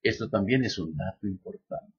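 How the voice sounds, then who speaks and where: A man giving a lecture, reading a text aloud at an even pace and adding slow joking asides. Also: lowish voice, slightly rough, highs cut off. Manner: reads steadily, then drops in slow joking asides. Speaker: lecturer on biodecoding.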